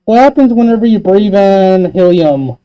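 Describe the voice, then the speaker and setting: A male chemistry teacher explains a lesson to his class in a patient, step-by-step way. His voice sits high but has a mellow, smooth tone. He keeps asking the students questions as he goes. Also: lively intonation, normal speed, dull audio.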